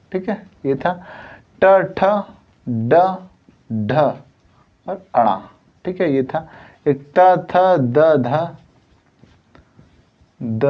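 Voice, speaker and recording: A man teaching Hindi in an online coaching class. He explains slowly, sounds out letters one at a time, and keeps checking with "theek hai". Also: high voice, darkish tone. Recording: slightly dull lo-fi sound.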